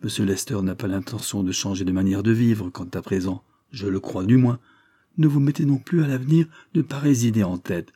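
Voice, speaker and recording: A man voicing a calm, composed woman answering coolly, in his own low, husky voice. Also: a little fast, no echo, clean studio sound, lightly acted. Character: calm, reserved woman, a governess.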